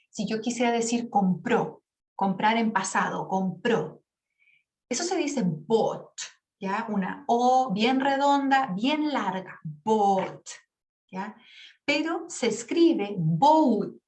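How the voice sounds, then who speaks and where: A woman teacher giving patient, explanatory feedback on an exam to her class, often checking in with the students. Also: fairly high pitch. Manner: patient, explanatory, checks in with frequent tag questions; demonstrates word pronunciation slowly. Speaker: English teacher.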